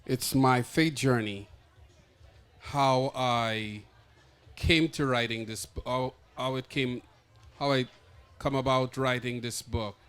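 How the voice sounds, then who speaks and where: A man's voice: mid-range voice, fairly even intonation, takes it slowly, a bit bright, clear, resonant tone. A man from Guyana presents his memoir at a book expo, speaking hesitantly and restarting phrases. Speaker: memoir author.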